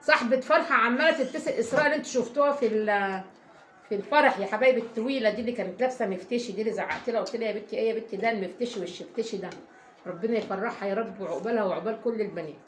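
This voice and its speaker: Fast-talking Egyptian mother vlogging. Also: on the high side. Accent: Egyptian Arabic. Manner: rambling, emphatic, swears oaths, addresses viewers fondly. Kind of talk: casual chatty storytelling to viewers. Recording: echoey room, faint background noise.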